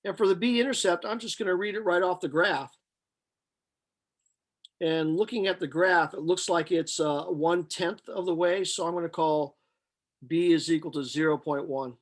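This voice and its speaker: Teaching chemistry, a man solves problems one step at a time, pausing haltingly as he reasons aloud. His somewhat high-pitched voice has a plain, matter-of-fact, flat delivery.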